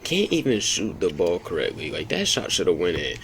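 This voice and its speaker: A man's voice: deep voice, huge pitch swings, a little fast. A man chatting casually and slangily in a complaining way on an outdoor basketball court. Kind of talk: casual chat to camera. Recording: noisy outdoor camera audio.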